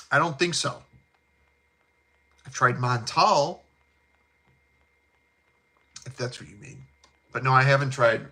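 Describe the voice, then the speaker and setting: This fragrance channel host, a middle-aged man from Chicago, USA, has a thick South Side accent and a bright, forceful, mid-range voice. He chats live in a relaxed, rambling, chummy style with plenty of fillers and laughter.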